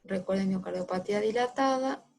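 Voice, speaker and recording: Woman, medical lecturer, clear explanatory delivery that speaks straight to the students. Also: medium pitch, a little fast, darkish tone, a little hiss or hum. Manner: explanatory, addresses students directly with reminders. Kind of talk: clinical case lecture.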